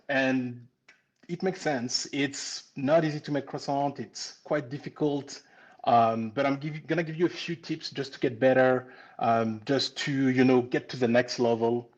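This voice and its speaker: A man's voice: mid-range voice, muffled recording. A man in his forties from France with a French accent, hosting a casual live webinar on pastry-making and often restarting his sentences. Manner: chatty, warm-hearted, with frequent restarts and "um"s. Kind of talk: casual live-stream teaching. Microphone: computer mic on a live stream.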